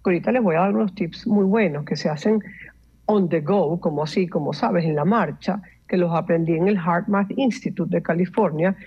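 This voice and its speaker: A woman, a meditation coach explaining calmly and instructively, mixing in English words. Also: lowish voice, slightly rough, highs cut off. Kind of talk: explanatory interview talk.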